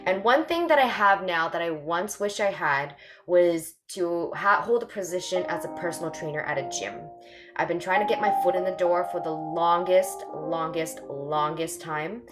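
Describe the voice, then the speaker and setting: Music plays under a lowish female voice moving at a moderate pace. The speaker, from Canada, hosts an online sharing circle, giving a casual, upbeat and encouraging group welcome on video call.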